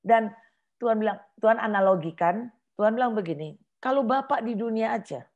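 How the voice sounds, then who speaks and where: A woman preaching a sermon, telling a personal testimony in a lively storytelling manner and acting out her prayers and conversations. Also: a little high, a little fast, narrow, tinny audio.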